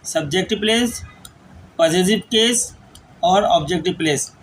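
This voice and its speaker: A man teaching English grammar, dictating rules slowly word by word as he writes them out. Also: high voice, a little hiss or hum, rough recording. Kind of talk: lecture explaining grammar rules.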